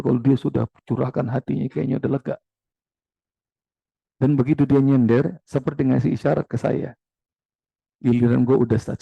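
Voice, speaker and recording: A man's voice: medium pitch, creaky, mellow, slightly rough, no room sound, lo-fi sound. A man preaching at a mosque, telling a story in a conversational way and acting out the people in it. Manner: conversational storyteller who acts out quoted people. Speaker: preacher (ustadz). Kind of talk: storytelling religious talk. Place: mosque lecture hall.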